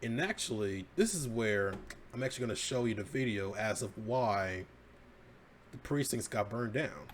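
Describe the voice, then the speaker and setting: A man with a lowish voice hosts a casual podcast, reading headlines and riffing on them in a loose, laid-back way that slips into swearing. A faint hiss sits under the recording. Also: animated, moderate pace. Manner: laid-back, swears and laughs at his own jokes. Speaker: podcast host.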